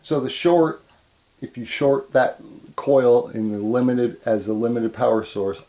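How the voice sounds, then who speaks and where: A man teaches in an informal lecture style. His voice is soft-edged and mellow, at a middling pitch. He goes a little slowly and haltingly, circling back over phrases and checking in as he explains. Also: poor audio. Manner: halting, repetitive, checks in with "right?". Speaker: instructor. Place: indoors at a chalkboard.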